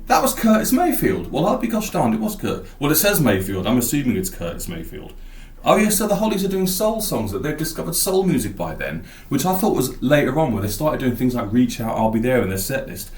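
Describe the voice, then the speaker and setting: A man with a mid-range, darkish voice hosts a podcast in a roomy-sounding space. He rambles enthusiastically about an album, thinking aloud in casual talk.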